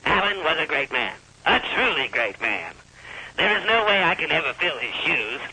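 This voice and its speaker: High, shifty, smug twin brother. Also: male voice, sing-song, normal speed, bright, forceful tone, slightly rough, heavily acted, poor audio. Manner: earnest then bumbling, smug. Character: self-satisfied twin brother giving shifty interview. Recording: faint background noise.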